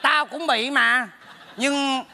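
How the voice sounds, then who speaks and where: An actor in a stage comedy sketch playing a meddling neighbor who teases in quick, mocking bursts and speaks with a Southern Vietnamese accent. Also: male voice, very high-pitched, vocal fry, big-room sound, noisy background, full character voice. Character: meddling, teasing male neighbor.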